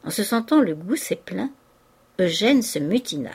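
A woman narrating a classic novel in a measured, even storytelling manner. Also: medium pitch, slightly rough. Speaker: audiobook narrator.

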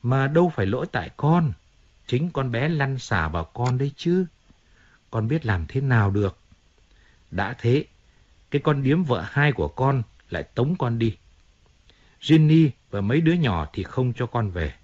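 A man's voice: mid-range voice, very animated, moderate pace, darkish tone, highs cut off. A man reading a whining, self-pitying singer. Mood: agitated. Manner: complaining, emotional, pleading. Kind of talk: audiobook character reading.

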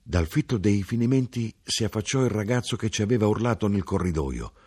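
A man reading a novel aloud as the narrator, in a measured, expressive storytelling manner. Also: on the low side, husky.

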